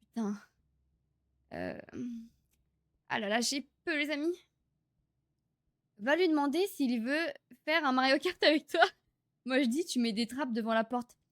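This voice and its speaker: A young woman streaming a horror game live, excitable, swearing and laughing as she chats with her viewers. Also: fairly high pitch, no echo, clean studio sound. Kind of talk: live gameplay commentary.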